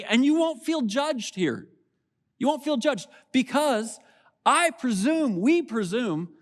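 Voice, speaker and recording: A man preaching a sermon as pastor, conversational and animated, acting out little quotes from everyday people. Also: very high-pitched. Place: church auditorium.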